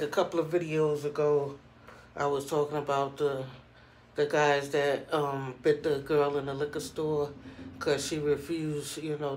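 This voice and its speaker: A man's voice: a little high, a little hiss or hum. A middle-aged man giving casual, rambling commentary as a vlogger in informal street slang. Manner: informal street slang, repeats "you know what I'm saying".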